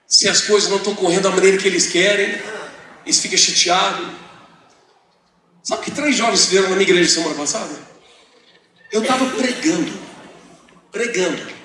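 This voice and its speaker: A man with a very high, bright, forceful voice interprets a sermon for a visiting preacher. He preaches with passion, swinging from shouted emphasis to quiet asides. He is heard from some distance in a large, booming auditorium. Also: fairly quick, pauses often, a little hiss or hum. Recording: echoey hall, voice from a distance.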